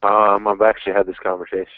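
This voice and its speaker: This thirty-something caller has a fairly low, brisk voice. He rambles through a casual chat, speaking frankly and self-deprecatingly about himself. The audio is dry and comes through a dull phone line.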